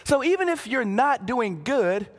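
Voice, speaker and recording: Earnest male preacher, high voice with a wide swing, repeats himself for emphasis, sermon in a big echoing hall. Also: sing-song, measured pace. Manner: earnest, repeats words and keeps saying "listen". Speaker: pastor. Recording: long hall reverb.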